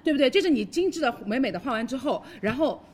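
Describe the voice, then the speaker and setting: A woman's voice: sits high, expressive, quick pace, a little hiss or hum. A woman presenting makeup on a live shopping stream in a conversational way, posing rhetorical questions to viewers.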